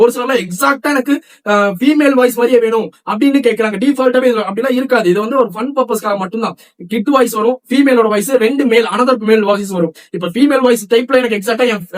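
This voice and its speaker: Guy from tamil nadu selling gadgets, super fast talker, keeps going "okay?". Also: very high voice. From Tamil Nadu, India. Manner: rapid, chatty, asks "okay?" of viewers often. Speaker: shop seller presenting products. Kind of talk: product demo sales pitch.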